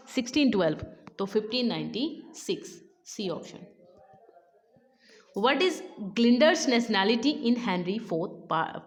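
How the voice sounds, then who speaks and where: Hindi-speaking woman teaching literature MCQs. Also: mid-range voice. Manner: explains in Hindi mixed with English, reads questions slowly. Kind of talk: exam-prep MCQ lesson.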